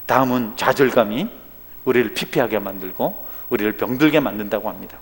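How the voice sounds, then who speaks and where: A male pastor, preaching a sermon in a church with big swings in loudness. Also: lowish voice, a little fast. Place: church sanctuary. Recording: long hall reverb.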